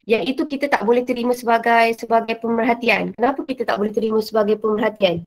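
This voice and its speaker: A woman's voice: a little high, steady tone, fast talker. A woman teacher with a Malaysian Malay accent, giving a casual revision lesson with many fillers and English words mixed in.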